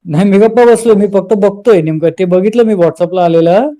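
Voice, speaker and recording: A man's voice: sits high, normal speed, mellow. A man student in an online class, asking his teacher questions politely. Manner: polite, deferential. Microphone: video call.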